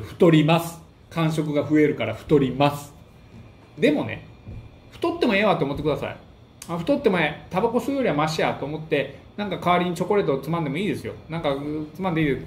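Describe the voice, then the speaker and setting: A man's voice: on the high side, quick pace. A man with a Kansai accent, a comedian hosting a casual monologue, telling stories and acting out what people said. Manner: animated storytelling that acts out quotes. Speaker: comedian and book-review host. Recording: echoey room with faint hiss.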